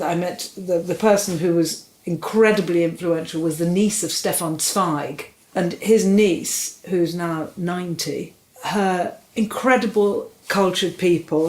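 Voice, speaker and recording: Animated woman in her sixties, lower voice. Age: 60s. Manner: animated, rambling storytelling with restarts. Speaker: interview guest. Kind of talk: casual conversational interview. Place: room in a house. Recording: roomy, faint ambient noise.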